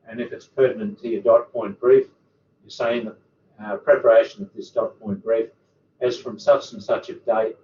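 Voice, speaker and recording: Halting lecturer on a roomy call. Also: male voice, mid-range voice, a little mellow. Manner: halting, many ums and uhs. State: hiccups. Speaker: university lecturer. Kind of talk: online workshop answering student questions. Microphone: computer microphone on a video call. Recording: roomy, distant, dull, faint hiss.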